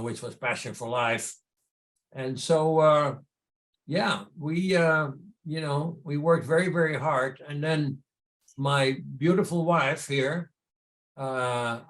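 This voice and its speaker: An older Dutchman from the Netherlands, an entrepreneur and charity founder, appears as a podcast guest and shares personal stories conversationally. His voice is medium-pitched, and the audio quality is poor.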